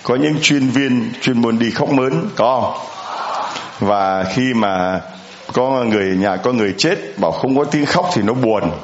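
A man's voice: medium pitch, a little slow, dull audio, slight background noise. Man priest preaching in an echoey church. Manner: conversational, asks the congregation questions. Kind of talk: homily.

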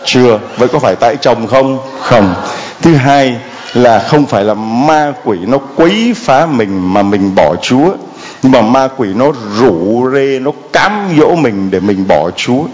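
A man's voice: mid-range voice, animated, a little slow, darkish tone. Emphatic male priest preaching. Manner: emphatic, rhetorical, questioning. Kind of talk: sermon with audience questions.

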